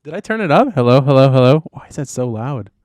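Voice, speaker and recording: Twenty-something guy hosting a podcast, joking around, mic clipping and distorted, smooth voice, dry close sound. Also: medium pitch, expressive, fast talker, a little mellow, no echo. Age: 20s. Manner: loose, joking, swears freely. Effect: clipping, blown-out distorted mic. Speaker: podcast host. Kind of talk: casual podcast chat.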